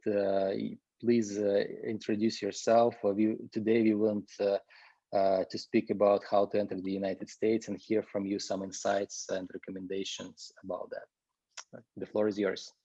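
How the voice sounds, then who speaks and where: A man hosting an online conference over a video call, speaking in a halting way with many fillers and restarts. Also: fairly low pitch, flat delivery, warm tone, breathy edge, no echo. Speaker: host. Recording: dull, dry, lo-fi sound.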